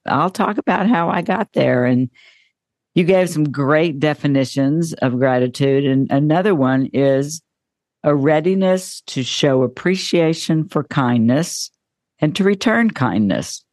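A woman's voice: sits low, a little mellow, no echo, clean studio sound. A woman co-hosting a podcast, moving between prepared statements and personal talk. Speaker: podcast co-host.

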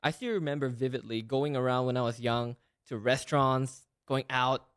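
A man's voice: mid-range voice, fairly even intonation, normal speed, fairly bright tone, clean tone. A man in his twenties from Malaysia, a podcast guest in a casual interview, talking eagerly with many fillers and restarts. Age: 20s.

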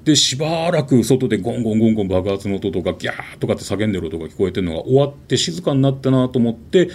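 Fast, lively male ghost-story teller. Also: on the low side. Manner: animated, dramatic storytelling with sound words.

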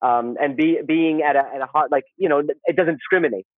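A man from Saudi Arabia, telling personal stories casually in an interview in a rambling, halting way that repeats words and phrases. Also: a little high, dry recording, phone-quality sound. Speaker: podcast guest, social worker.

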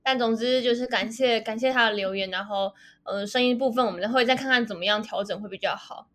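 A woman co-hosting a casual podcast chat with a sharp, quacking duck-like voice, speaking playfully and teasing herself. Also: on the high side, fast talker. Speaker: podcast co-host.

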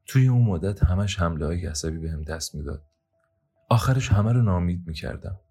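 A man's voice: sits low, lively intonation, dark tone, slightly rough, soft background music. A man voicing a troubled young woman who speaks in a defensive, strained way.

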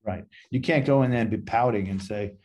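A man's voice: medium pitch, fairly quick, a little mellow. A man, a podcast guest telling rambling anecdotes and acting out the dialogue in them. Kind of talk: casual storytelling interview.

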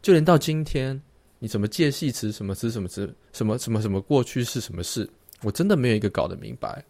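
A young man co-hosts a relaxed chat, his pitch rising and falling widely as he tells stories. He slips into voices for the people he quotes and laughs often, at a middle pitch. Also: fast. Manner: animated storytelling, acts out quoted teachers, laughs often. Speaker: podcast co-host. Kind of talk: casual chat.

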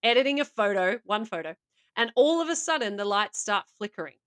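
A woman's voice: medium pitch, animated, brisk, a bit bright. A woman co-hosting a casual podcast, reading out stories with playful asides and laughter. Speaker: podcast co-host.

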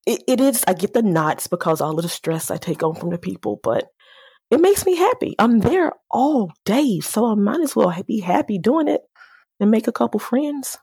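A woman's voice: medium pitch, big pitch swings, normal speed, darkish tone, slightly rough, no echo. A woman with a Southern American accent chatting casually, with a sassy, candid and playful manner. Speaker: auto repair shop owner, podcast guest. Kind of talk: casual chat.

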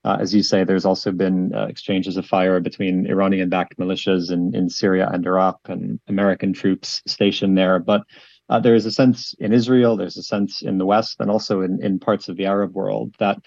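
A man working as a foreign correspondent, giving measured, explanatory news analysis in an interview over a remote line. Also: low-pitched, flat delivery, creaky, a little mellow, no room sound, lo-fi sound. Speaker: Middle East correspondent.

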